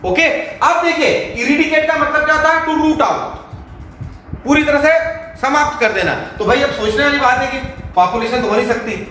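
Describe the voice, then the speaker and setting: High-voiced Indian teacher in echoey room. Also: male voice, normal speed, bright, forceful tone. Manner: mixes English and Hindi, repeats questions to pupils and answers them himself. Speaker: grammar teacher. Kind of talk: classroom grammar lesson. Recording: very echoey room with faint noise.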